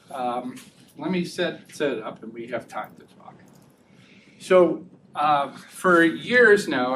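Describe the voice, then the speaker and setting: A man giving an academic research talk and taking audience questions, chatty and relaxed, laughing easily and often restarting sentences. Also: medium pitch. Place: lecture room. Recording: distant mic with faint room noise.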